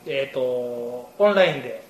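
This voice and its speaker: A man's voice: mid-range voice, expressive, moderate pace. A man chatting casually as a podcast co-host, his voice slightly muffled through a face mask. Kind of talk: casual chat. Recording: roomy echo, noticeable background noise.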